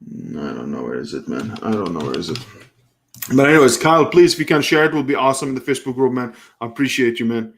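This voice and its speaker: The host of this casual live Q&A is a man in his thirties from Kuwait who speaks fast at a medium pitch with wide swings in intonation. There's a faint hiss or hum in the audio, and he thinks aloud, restarting often as he answers viewer comments.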